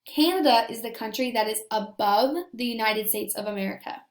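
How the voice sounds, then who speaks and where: This read-aloud lesson comes from a woman teacher with a fairly high voice who speaks right to young children. Her enunciation is deliberate and her explanations are kept simple.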